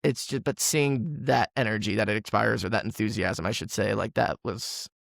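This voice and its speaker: A man's voice: on the low side, fairly even intonation, normal speed, gravelly, fairly bright tone, dry recording, studio quality. A man co-hosting a movie podcast, talking at length in a casual, rambling way and often correcting himself mid-sentence. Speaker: podcast co-host.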